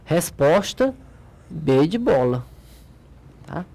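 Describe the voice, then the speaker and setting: A woman's voice: sits low, very animated, very slow, mellow. A Brazilian woman teaching logic, who works through the exercises step by step, pointing things out and asking her own questions before answering them. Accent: Brazilian Portuguese. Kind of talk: recorded logic lesson.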